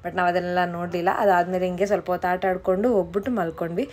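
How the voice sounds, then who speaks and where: A woman's voice: on the low side, little pitch movement, racing, darkish tone, no room sound. A woman vlogging on a walking pilgrimage, chatty and teasing, mixing English into her talk. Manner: chatty, teasing, switches between Kannada and English. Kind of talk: casual travel vlog with narration. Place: outdoors at a crowded pilgrimage camp. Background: crowd chatter.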